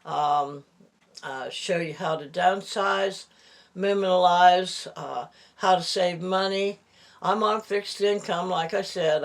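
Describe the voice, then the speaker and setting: A woman of about eighty talking casually and haltingly in a personal vlog, her lips over her gums with few teeth, slightly slurring her words. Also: on the low side. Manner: slow, halting, rambling delivery. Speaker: vlogger.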